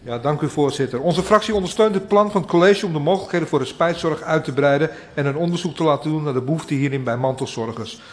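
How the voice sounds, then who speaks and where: A man's voice: a little high, quick pace, hardly any pauses. A man speaking for his party in a council meeting, who reads a prepared statement and then adds loose asides. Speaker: council member. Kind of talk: formal council speech. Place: council chamber.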